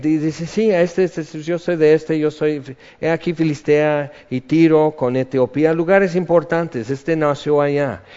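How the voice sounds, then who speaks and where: In a dull, echoing hall, a man with a fairly high, dark and smooth voice delivers a conversational sermon, reading psalm verses aloud as Bible teaching.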